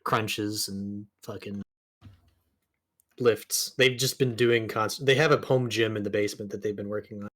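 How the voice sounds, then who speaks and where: A man's voice: on the low side, fairly even intonation, a little slow, a bit bright. A man riffing and rambling casually about a fantasy world on a live stream, swearing freely. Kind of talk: casual chat.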